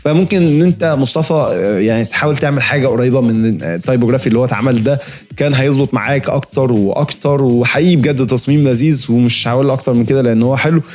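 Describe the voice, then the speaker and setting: A man's voice: medium pitch, rapid-fire, a little mellow. A young man with an Egyptian Arabic accent giving a casual, chatty design critique, full of fillers and friendly asides. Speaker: design reviewer host.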